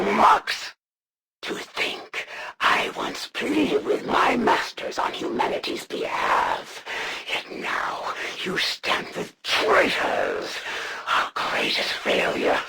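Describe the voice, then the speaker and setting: A haughty alien assassin from a video game, zealous and menacing. Her delivery is slow and imperious, with a heavy gravelly rasp and wildly swooping theatrical pitch. Noticeable ambience sits behind the voice. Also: noisy background, full character voice. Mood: cold warning, then bitter scorn. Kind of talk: dramatic video game villain voice lines.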